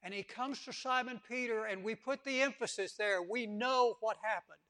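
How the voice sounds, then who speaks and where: A high-pitched, bright-toned male preacher delivering an impassioned sermon. He repeats words for emphasis and acts out the quotes he tells. His voice sounds sharp and forceful. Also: normal speed.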